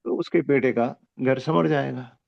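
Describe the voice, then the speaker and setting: An older man with a mid-range voice talks like a seasoned mentor, unhurried and kindly. He keeps checking that his listener follows him. The sound is muffled, like a video call. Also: mid-range voice, vocal fry. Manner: fatherly, calls the presenter "beta", explains slowly with rhetorical checks. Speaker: senior homeopathy teacher giving feedback. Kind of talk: mixed Hindi-English teaching talk.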